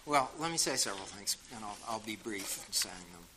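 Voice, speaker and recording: An older man with a Boston accent, appearing as a guest speaker, answers audience questions in a casual, frank, wry manner with lots of fillers. His voice is lowish, expressive, and fairly quick, with noise in the background.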